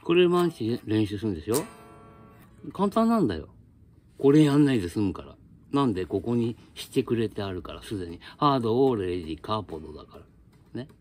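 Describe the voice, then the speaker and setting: A man's voice: lowish voice, a little hiss or hum. A man teaching a casual spoken lesson in a blunt, colloquial, lecturing way.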